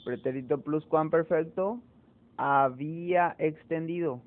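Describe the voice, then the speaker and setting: A man teacher, walking students through exam answers slowly, repeating key words to drive them home. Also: a little high. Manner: slow, repetitive explaining, repeats key words. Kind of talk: exam walkthrough lesson. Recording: tinny phone-like audio.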